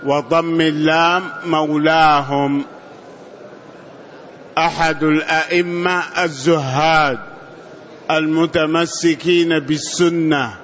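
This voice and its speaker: A man reading a classical text aloud for a teacher in a lesson, halting and stumbling over names. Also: fairly high pitch, fairly bright tone, a little hiss or hum. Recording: dull lo-fi lesson recording.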